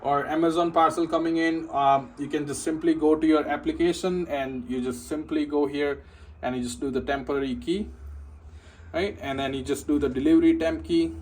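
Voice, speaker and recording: A security system installer with a fairly high-pitched, steady voice gives an informal, unscripted product demo at normal speed. He explains things step by step, checking in with the listener and often ending points with "right?". Background ambient noise is clearly audible.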